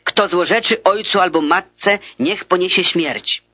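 A man reading the words of a calm, authoritative male teacher in a measured, solemn way. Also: high-pitched, husky, no echo, heavily acted. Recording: dull lo-fi dry recording.

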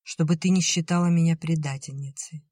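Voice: medium pitch, fairly even intonation, a little fast, a little mellow, dry recording, clean studio sound, natural voice. An audiobook reader voicing an anxious, emotional elder sister who exclaims in agitation. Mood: troubled. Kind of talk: audiobook character reading.

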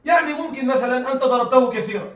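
High, fast-talking male teacher lecturing. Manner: checks in with the class, frequent laughing asides. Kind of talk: classroom lecture on rhetoric. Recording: echoey room, mic at a distance.

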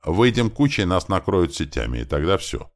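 A man voicing a gruff male squad leader who shouts orders to his crew. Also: sits low, big pitch swings, normal speed, voice pushed up. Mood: shouting. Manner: barking commands at full volume.

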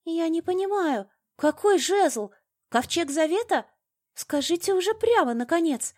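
A woman narrator voicing a frightened young heroine who pleads in a high, strained voice. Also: expressive, a little slow, darkish tone.

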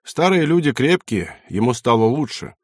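A man's voice: mid-range voice, sing-song, normal speed, no echo, clean studio sound. A man doing an obliging estate manager. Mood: respectful. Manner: respectful and obliging. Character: deferential male estate manager, middle-aged.

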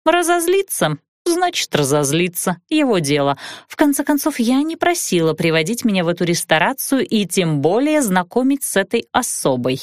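A woman narrating an audiobook in the first person with an expressive, wry delivery. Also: medium pitch, normal speed, few pauses, no echo, studio quality.

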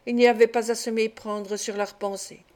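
A woman narrating a classic novel as an audiobook, in a steady, measured way. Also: on the high side. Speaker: audiobook reader.

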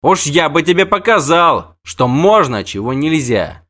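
A man voicing a loud, blustering wounded soldier in an audiobook reading. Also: very high-pitched, wildly swooping pitch, takes it slowly, voice pushed up, heavily acted. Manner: shouting, blustering.

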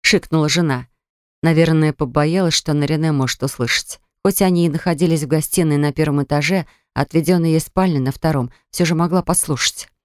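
An audiobook narrator reading a family drama in an even storytelling delivery. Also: mid-range voice, brisk, no echo, studio quality. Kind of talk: scripted narration.

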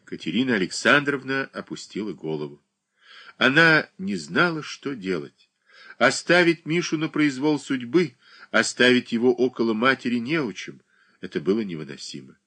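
Man, audiobook narrator, expressive, animated intonation, bright tone. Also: mid-range voice, moderate pace. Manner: expressive, dramatic reading.

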